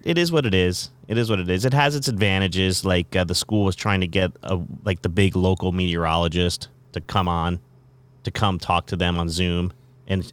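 A man's voice: deep voice, smooth. A man who hosts morning radio, chatting casually in an interview, rambling with lots of fillers and restarts.

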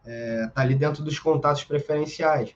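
A man with a Brazilian accent teaching self-defense in a casual, emphatic way, full of slang and quick "right?" checks. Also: a little high, steady tone, highs cut off, a little hiss or hum. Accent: Brazilian Portuguese. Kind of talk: informal spoken lesson.

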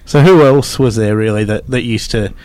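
A man's voice: on the low side, moderate pace, a little mellow. A man hosting, prompting his co-hosts with casual questions. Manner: prompting, inquisitive. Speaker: podcast host asking questions. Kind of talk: casual chat.

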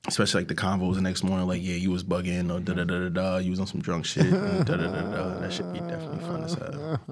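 Low-voiced man in slangy podcast chat. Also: fast, gravelly, darkish tone, husky. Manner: slangy, profane, repeats phrases. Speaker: podcast host. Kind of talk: casual chat among friends.

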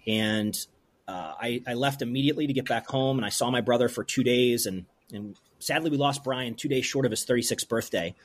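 Earnest, halting man telling a story. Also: mid-range voice. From rural Pennsylvania. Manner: earnest, halting, with many restarts. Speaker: brewery owner, guest. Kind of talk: emotional interview storytelling.

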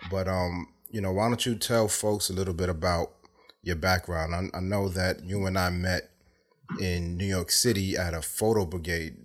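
A man hosts an interview podcast in a casual, conversational way. His voice is very low, and he asks probing questions, often rephrasing them mid-sentence. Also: fairly even intonation, normal speed. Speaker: podcast host.

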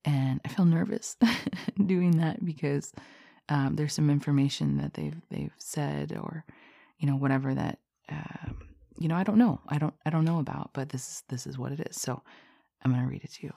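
A woman's voice: extremely low pitch, creaky, mellow, husky. A woman hosting a casual spiritual podcast, rambling and self-conscious, with nervous laughs.

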